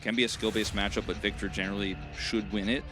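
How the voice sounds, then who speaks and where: A man's voice: fairly low pitch, level tone, quick pace. A man giving analytical color commentary on an esports match, drifting into playful banter with his co-caster. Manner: analytical, breaks into playful chat. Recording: music bed under commentary.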